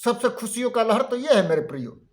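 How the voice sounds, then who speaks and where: A man's voice: extremely high pitch, sing-song, fairly quick. A man preaching a Christmas sermon, fervent and reading scripture verses aloud.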